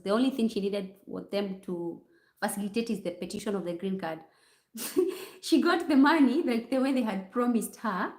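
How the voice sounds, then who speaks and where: A woman with a Kenyan accent chats with her livestream viewers, answering their questions one by one. She is casual and talkative and sprinkles in Swahili phrases. The recording carries a noticeable room echo. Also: mid-range voice. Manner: chatty, mixing in Swahili phrases. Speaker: nurse. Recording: roomy echo.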